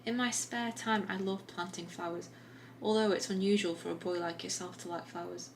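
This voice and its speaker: A woman's voice: fairly low pitch, steady tone, moderate pace, creaky, a little hiss or hum. A woman reading aloud the lines of a chatty old woman working in a café, about seventy, from her own manuscript. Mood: friendly.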